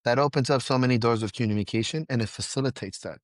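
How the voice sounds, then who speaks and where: A man who owns a gym and coaches, talking in a casual podcast interview, blunt and profane and quick to laugh. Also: medium pitch, no room sound, studio quality.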